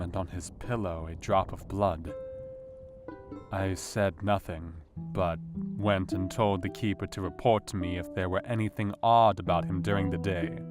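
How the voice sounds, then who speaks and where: An actor playing a brooding, intellectual Victorian asylum doctor, speaking a measured, formal diary monologue in a radio play. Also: male voice, low voice. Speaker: actor in an audio drama. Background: guitar music.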